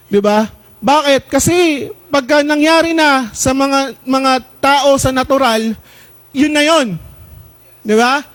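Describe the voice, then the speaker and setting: High-voiced Filipino pastor preaching. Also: male voice, fairly bright tone. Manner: conversational preaching, asks the crowd "Di ba?" and "Amen?" often, mixes in English; slows down when reading verses aloud. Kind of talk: sermon.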